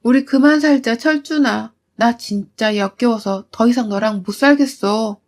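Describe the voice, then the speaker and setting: Speaking at normal speed in a slightly high, everyday-sounding voice, a woman plays her younger self as a furious, fed-up wife. She talks back sharply and defiantly, raising her voice to a shout.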